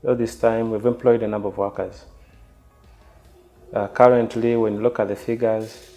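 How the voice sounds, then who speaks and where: A man speaks as a project official in a low, mellow voice, formal and measured. He reports facts evenly. Faint music sits under him. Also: little pitch movement, vocal fry. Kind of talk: documentary interview.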